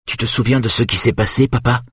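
A man's voice: mid-range voice, fairly even intonation, fast talker, a bit bright, husky, no echo, studio quality, voice pushed up. A man reading an audiobook, voicing a caring, anxious adult daughter in a raised voice. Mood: urgent. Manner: anxious, pressing questions.

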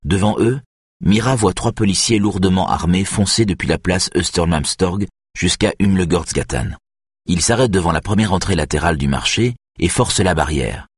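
Brief: male audiobook narrator, low and husky, steady measured read. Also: no room sound, clean studio sound. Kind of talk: audiobook reading of a thriller.

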